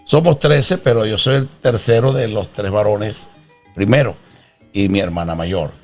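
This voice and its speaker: Sixties man, low-pitched and proud, tells his life story slowly over faint music. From Venezuela. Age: 60s. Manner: earnest, proud, unhurried storytelling. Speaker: interview guest, father of host. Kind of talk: casual interview.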